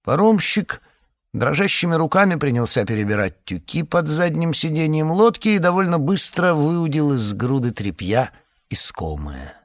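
A man reading a fantasy novel aloud in measured scripted narration. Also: a little high, animated, no echo, studio quality. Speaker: audiobook narrator.

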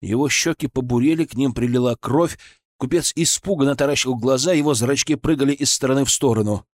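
A man's voice: mid-range voice, brisk, a little mellow, no room sound, clean studio sound. A man narrating a first-person adventure novel as an audiobook with dramatic reading.

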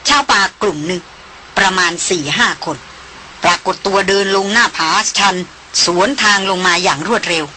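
A woman reading an audiobook novel aloud with a bright, crisp tone. Her narration is measured and descriptive, at a middle pitch, with a faint hiss behind it.

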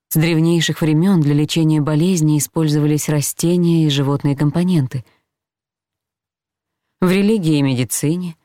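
A woman narrating a first-person novel in a measured, reflective reading voice, close to the mic. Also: sits low, mellow, no room sound. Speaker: audiobook narrator.

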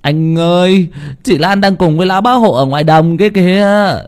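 A man's voice: medium pitch, expressive, measured pace, darkish tone, close to an everyday voice. A man voicing a frightened village boy who stammers and panics. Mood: panicked.

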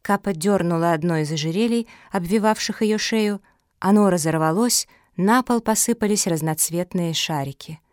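A woman narrating a children's storybook in an even, expressive reading. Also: on the low side, normal speed, no echo, studio quality. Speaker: audiobook narrator.

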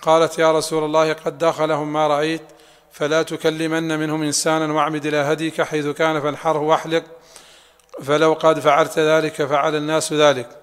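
A man reading a classical text aloud to a sheikh in a steady, even recitation. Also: on the high side, fast talker, smooth. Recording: long hall reverb.

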